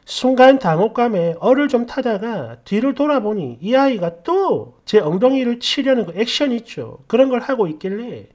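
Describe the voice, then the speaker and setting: A woman's voice: fairly high pitch, very animated, moderate pace, few pauses, a little mellow. A woman narrating a first-person story in an indignant, scolding tone.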